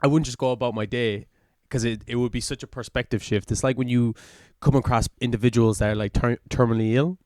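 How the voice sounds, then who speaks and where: A man co-hosting a casual podcast, mulling things over as he talks and leaning on fillers. His voice is smooth and resonant at a middle pitch, recorded close and dry with no room sound. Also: fairly even intonation, fast talker, hardly any pauses, a little mellow, dry recording. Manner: reflective, thinks aloud with many fillers. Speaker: podcast co-host. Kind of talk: casual chat.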